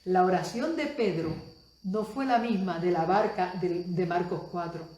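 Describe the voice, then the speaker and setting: A woman preacher delivering a Spanish-language sermon, moving between soft asides and loud exclamations and asking the audience many questions. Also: fairly low pitch, measured pace, echoey room.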